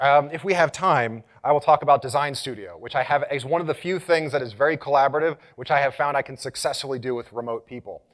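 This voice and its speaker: A man speaking as a conference presenter, energetic and engaging, leading the audience through exercises and getting louder as he rallies the room. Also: medium pitch. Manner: animated, gets louder when rallying the room. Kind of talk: live conference talk.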